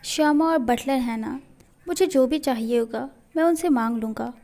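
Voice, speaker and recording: A woman voicing a sickly, pouty young man who pleads softly in a read-aloud fan story. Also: very high voice, moderate pace, creaky. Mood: coaxing. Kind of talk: storytelling in a fan fiction reading.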